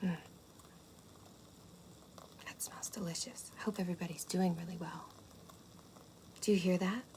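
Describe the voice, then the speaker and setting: A woman plays an excitable, gentle, yet impatient unicorn hosting a children's cooking show, demonstrating to camera for young kids with wonder and breathy asides. Her fairly low voice moves at a measured pace, lightly acted, sounding delighted and eager. Clear, steady background noise runs under the recording.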